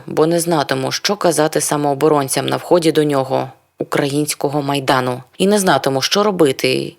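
Brief: audiobook reader, first-person literary narration, brooding and introspective, mid-pitched voice. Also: vocal fry. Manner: brooding, introspective, rhetorical questions.

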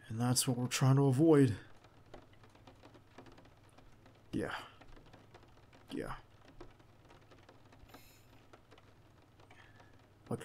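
In an ASMR roleplay, a man plays a bodyguard who is tense, loyal, and protective. He speaks haltingly but earnestly, offering reassurance. His husky voice sits in the mid-range with a somewhat dark tone.

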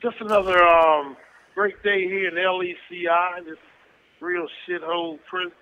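A man's voice: high voice, steady tone, normal speed. A man in his sixties calling in on a prison phone line, chatting casually with a loose, crude way of telling stories. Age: 60s. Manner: loose, crude storytelling with frequent chuckles. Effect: heard over a prison phone line. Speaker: inmate calling into a podcast. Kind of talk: casual chat.

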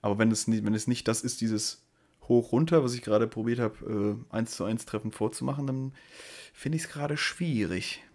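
A man's voice: fairly low pitch, fairly even intonation, brisk, a little mellow. A man on a casual podcast chat, rambling and searching for words as he guesses. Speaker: podcast co-host.

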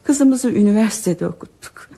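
A fretful, talkative mother in a radio drama, quick to worry and to scold. Her husky voice swings widely in pitch as she chatters. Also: lively intonation, warm tone. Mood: chatty. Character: worried talkative middle-aged mother.

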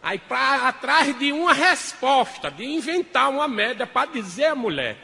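A man's voice: very high-pitched, sing-song, normal speed, vocal fry, sharp tone, slightly rough, big-room sound. A male comedian, animatedly telling a comic story on stage and teasing the audience. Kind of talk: stand-up storytelling.

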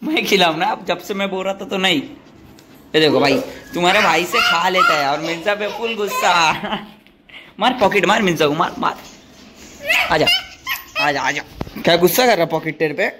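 A man with a lilt talks straight to his viewers as a vlogger, chatty and excitable, laughing often. His voice sits over a faint background hiss. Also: sits high, normal speed. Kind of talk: casual vlog narration to viewers.

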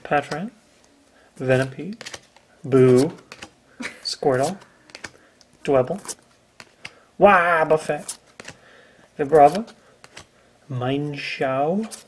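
A young man reading out card names in a drawling, deadpan way with wry jokes during a casual chat. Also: on the high side, extremely slow, long pauses, slight background noise. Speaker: guest co-host.

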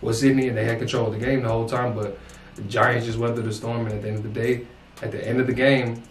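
A man's voice: mid-range voice, level tone, fast, a little hiss or hum. Rambling young man in an echoey room. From United States. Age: young adult. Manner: rambling, lots of restarts and "like". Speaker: co-host. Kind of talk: casual sports recap chat. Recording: roomy echo, distant mic, faint music.

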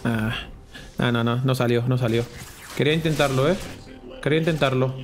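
A man with a Mexican Spanish accent giving live gameplay commentary, excitable, repeating words in quick runs, swearing often and dropping in English words. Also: medium pitch, soft background music. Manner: excitable, rapid repetitions, frequent swearing, mixes in English words. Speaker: gamer streamer.

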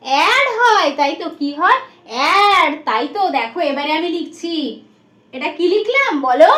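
A woman's voice: very high voice, a bit bright, roomy sound. A woman teacher from West Bengal with a Bengali accent, giving a demo class to small children in a sing-song, coaxing way full of prompting questions.

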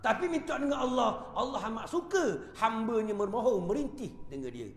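A man's voice: extremely high pitch, big pitch swings, moderate pace. A man with a Terengganu Malay accent giving an evening lecture in a prayer hall, telling funny stories with chuckles and asking the crowd "right?". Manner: humorous storytelling with chuckles and call-outs. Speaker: preacher. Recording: echoey hall.

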